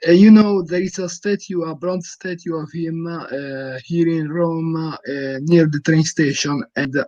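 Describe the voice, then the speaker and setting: A man's voice: a little high, fairly even intonation, a little mellow, no room sound. Hesitant man. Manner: hesitant, halting questions. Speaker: stream guest. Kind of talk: casual online chat. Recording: dull lo-fi call audio.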